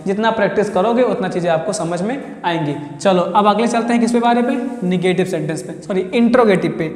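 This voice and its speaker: A man's voice: sits high, fairly quick, darkish tone. A male teacher giving a grammar lesson in a classroom, asking questions and answering them himself while repeating key words. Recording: echoey room with long reverb.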